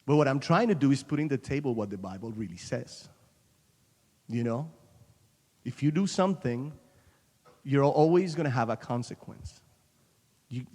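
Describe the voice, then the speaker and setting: A male pastor delivers an animated sermon in a somewhat high voice, now and then slipping into English and climbing to loud, emphatic peaks. His voice rings with the long reverb of a large church hall. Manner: animated preaching, switching between English and Spanish, rising to loud peaks.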